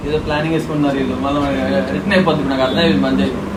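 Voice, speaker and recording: A man's voice: on the high side, level tone, very fast, roomy sound, far from the mic, background noise. A young man joking boastfully in a casual comedy skit.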